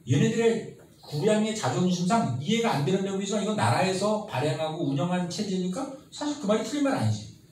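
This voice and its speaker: A man giving a lively history lecture who asks his students constant questions and acts out the people he quotes. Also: sits high. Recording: very echoey room, mic at a distance, faint noise.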